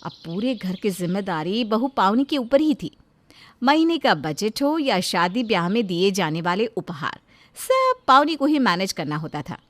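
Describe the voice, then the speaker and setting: A woman calmly narrating a scripted moral story for a cartoon. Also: medium pitch, normal speed, no room sound.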